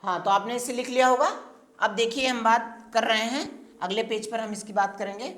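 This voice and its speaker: A woman teaching a grammar lesson, dictating notes slowly and repeating each phrase so students can write it down. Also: fairly high pitch, steady tone, fairly bright tone. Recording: echoey room.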